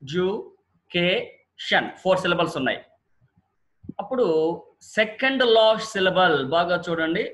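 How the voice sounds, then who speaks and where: A man's voice: high-pitched, animated, moderate pace, pauses often, a bit bright. A male teacher explaining English word stress in Telugu, repeating each example word twice with careful syllable stress. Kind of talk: exam-prep lesson on word stress.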